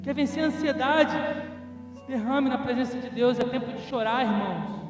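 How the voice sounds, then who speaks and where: A high-pitched man in his forties preaches with rising passion, dropping to a hush and then swelling loud. He is heard from a distance in a long, echoing hall. Instrumental music plays behind him. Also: moderate pace. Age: 40s. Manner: impassioned preaching, swings from soft to loud. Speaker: pastor. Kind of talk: sermon.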